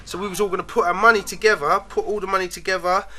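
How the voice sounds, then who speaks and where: A man spins a casual, rambling story, his voice pitched high and strikingly bright and sharp. He talks loosely and chattily, dropping filler words like a friend recounting something at home, with a faint hiss of noise underneath. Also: steady tone, rapid-fire.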